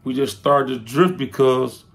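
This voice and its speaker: Speaking at a measured pace in a mid-range voice, this man is an interviewee looking back on his own history in casual conversation. He's lively about it, performing other people's quoted words and sprinkling "man" throughout.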